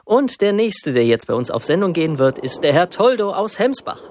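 A man's voice: sits high, big pitch swings, brisk, darkish tone, slight background noise. A man hosting a radio call-in show who thanks callers and introduces the next one in a polite, formal way. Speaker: radio host. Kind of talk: radio moderation.

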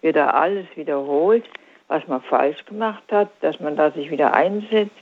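An older woman calling in to a radio show, asking her question hesitantly and haltingly over the phone. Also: sits low. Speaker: caller. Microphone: telephone. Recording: tinny phone line.

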